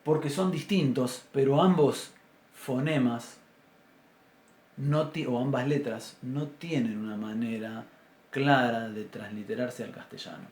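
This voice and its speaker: A man teaching a Biblical Hebrew class with an Argentine Spanish accent, explaining patiently and sounding out letters aloud, often clearing his throat. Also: mid-range voice, a little slow, a little mellow, roomy sound. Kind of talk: university class lecture. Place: classroom with a blackboard.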